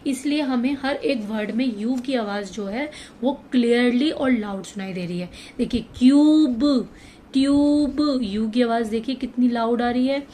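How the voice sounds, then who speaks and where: Patient woman teaching kids, high-pitched. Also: moderate pace, few pauses, dark tone, slight background noise. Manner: patient, repeats and stretches example words. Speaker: children's English teacher. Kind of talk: explaining lesson to kids.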